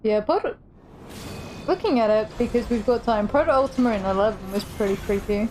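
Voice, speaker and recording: A woman's voice: fairly high pitch, brisk, a little mellow, slight background noise, low-quality recording. A young woman streaming a game, chatting casually and self-deprecatingly with friends on a call. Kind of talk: casual chat while streaming.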